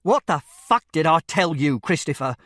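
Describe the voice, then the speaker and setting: A volatile middle-aged father, low and slow in his menace, who turns swearing and loud when his temper goes, voiced by a man in an audiobook reading. His voice swings widely in pitch. The sound is dry and close. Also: sing-song, dry recording, lightly acted. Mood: furious. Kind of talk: audiobook character voice.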